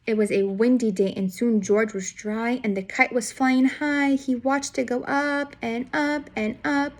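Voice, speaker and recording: A woman's voice: on the high side, fairly even intonation, measured pace. A woman reading a picture book aloud to young children as a teacher would, expressively and with questions put straight to the listeners. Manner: addresses young listeners directly with guiding questions. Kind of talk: children's read-aloud storytelling.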